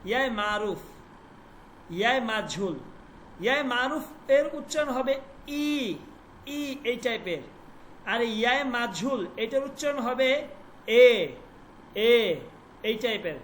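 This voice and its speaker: A man teaching an online language class, saying each letter slowly and repeating it several times. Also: very high-pitched, fairly bright tone, slight background noise.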